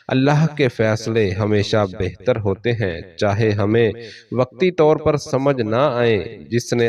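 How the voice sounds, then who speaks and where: A man with a Pakistani Urdu accent giving a solemn, measured motivational sermon in a steady preaching cadence. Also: lowish voice, distant mic. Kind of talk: scripted motivational sermon narration.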